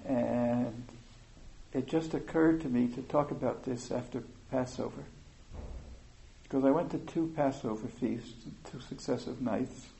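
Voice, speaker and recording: A man giving an informal meditation talk, speaking slowly and thoughtfully with many pauses and fillers. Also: medium pitch, creaky, warm tone, low-quality recording. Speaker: meditation teacher.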